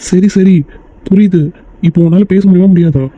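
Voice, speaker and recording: A man voicing a loud, excitable young guy. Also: high voice, a little fast, no echo, highs cut off, close to an everyday voice. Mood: excited banter. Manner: loud, exclamatory, teasing. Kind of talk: amateur cartoon voice acting.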